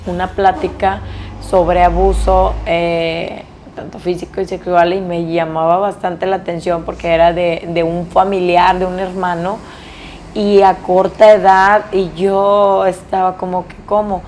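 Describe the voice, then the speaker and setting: A woman's voice: on the low side, level tone, a little slow, a little mellow, slight background noise. Empathetic woman podcast host. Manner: empathetic, conversational. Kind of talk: casual podcast interview.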